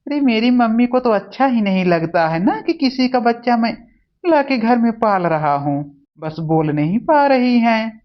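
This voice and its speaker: A woman's voice: fairly high pitch, animated, moderate pace, close to an everyday voice. A woman voicing a kind young husband in a family cartoon, speaking soothingly. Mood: calm. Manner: soothing, reassuring. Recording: dull lo-fi audio.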